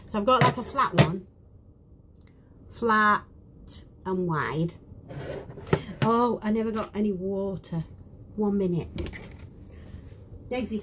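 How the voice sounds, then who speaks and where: A woman with a broad British accent chatting casually during a live makeup stream, often slipping into soft whispered asides while she works, in a small cruise cabin. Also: lowish voice, background noise. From United Kingdom. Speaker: beauty vlogger.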